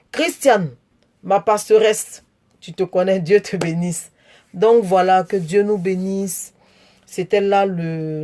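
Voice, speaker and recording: A woman giving a live-streamed exhortation, repeating phrases for emphasis and warmly greeting her viewers by name. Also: mid-range voice. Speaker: online preacher.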